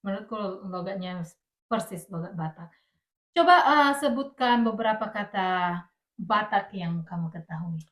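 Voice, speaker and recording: A woman's voice: mid-range voice, normal speed, fairly bright tone. Woman hosting a casual podcast. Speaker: podcast host. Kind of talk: casual podcast interview chat.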